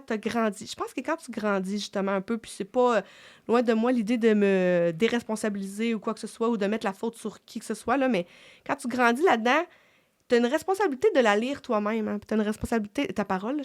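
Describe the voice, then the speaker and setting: A woman's voice: fairly high pitch, quick pace. A middle-aged woman with a Québécois French accent, hosting a casual faith chat in a reflective way, with many fillers and restarts. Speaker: podcast host.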